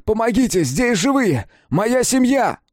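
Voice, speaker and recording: A desperate husband shouts frantically through the ruins, played by a man. His voice climbs high and strained above the narrator's low register, and the sound stays dry and close. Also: expressive, slow pace, no echo.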